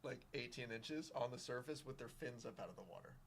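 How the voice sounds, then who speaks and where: Fast-talking american guy telling fishing stories. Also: mid-range voice, vocal fry, slight background noise. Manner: fast, excitable storytelling. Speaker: fishing guide. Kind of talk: casual fishing chat.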